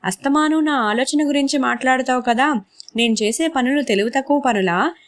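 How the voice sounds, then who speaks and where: A hot-tempered man bristles and defends himself in a read-aloud story, as a woman reader plays him. The voice stays fairly high, with an indignant, defensive push. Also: a little fast, close to an everyday voice.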